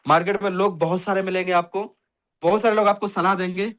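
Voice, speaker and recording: A man's voice: sits high, fairly even intonation, a little fast, fairly bright tone. A man giving an emphatic motivational talk on a video call, telling a fable and repeating catchphrases to his audience. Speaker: motivational speaker in an online finance meeting.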